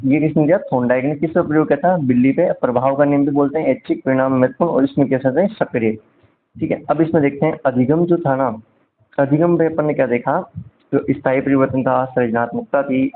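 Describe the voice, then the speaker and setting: Male exam-prep teacher, mid-pitched, runs a quick Q&A-style revision lecture over thin, phone-band audio. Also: narrow, tinny audio, slight background noise. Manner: asks quiz questions and answers them himself.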